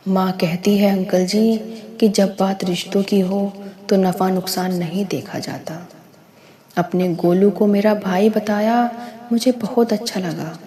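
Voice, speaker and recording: A woman's voice: medium pitch, fairly even intonation, measured pace, a crowd in the background, close to an everyday voice. A woman voicing a kind young watermelon girl. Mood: gentle. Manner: gentle and affectionate.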